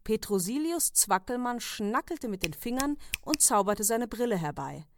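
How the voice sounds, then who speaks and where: Woman reading a story aloud calmly. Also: fairly high pitch, normal speed, background noise. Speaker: reader. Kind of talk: audiobook reading.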